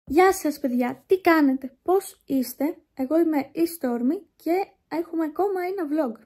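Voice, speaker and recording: A woman's voice: sits high, a little mellow. A young woman vlogging in a chatty, rambling way, talking straight to her viewers on a phone held at arm's length. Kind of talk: casual vlog chat.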